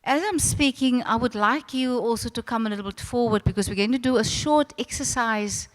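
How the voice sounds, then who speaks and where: An older woman with a South African accent gives an informal public speech, animated and direct, addressing her audience familiarly. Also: on the high side, a little fast. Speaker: host of a ceremony, arts centre leader. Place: large reverberant venue at a public ceremony. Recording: echoey hall with long reverb.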